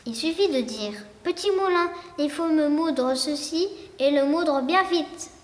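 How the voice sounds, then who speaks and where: A woman voicing a tiny hungry dwarf who hands out a magic gift in a storybook tale, speaking with bright eagerness. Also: sits high, measured pace. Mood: cheerful. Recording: echoey room with long reverb.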